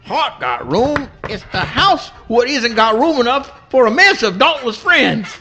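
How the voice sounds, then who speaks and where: A man's voice: very high voice, big pitch swings, measured pace, noisy background, full character voice. A man voicing a good-natured, put-upon little swamp possum in a comic radio play. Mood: weary, grumbling. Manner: folksy rustic dialect, plaintive.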